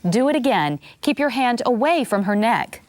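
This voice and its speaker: A woman giving scripted CPR instruction, calm and clear, coaching step by step. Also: a little high, normal speed, faint music behind.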